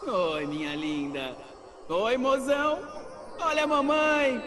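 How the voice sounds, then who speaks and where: Brazilian woman doing a doting cartoon mom, very high and cooing, slow and drawn out, long echo. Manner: cooing, affectionate. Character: Android 18 as doting young mother.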